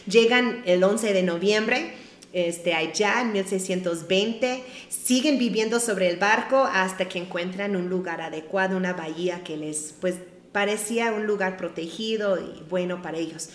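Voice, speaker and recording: Missionary woman from Michigan, chatty storyteller, mid-pitched voice, echoey room. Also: normal speed. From Michigan, United States. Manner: chatty, tags sentences with a questioning "no?". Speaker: missionary guest. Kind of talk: conversational storytelling.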